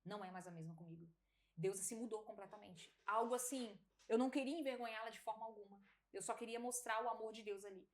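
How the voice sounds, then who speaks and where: A Brazilian-accented woman (Brazilian Portuguese) talks fast in a mid-range voice while sharing her personal testimony as a podcast guest. Casual and animated, she laughs often as she acts out the dialogue.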